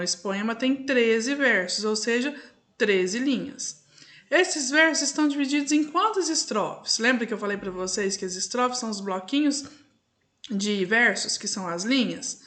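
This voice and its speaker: A woman's voice: a little high, sharp tone. A woman teacher giving a recorded lesson to young schoolchildren. She explains patiently, step by step, and checks in with her pupils as she goes.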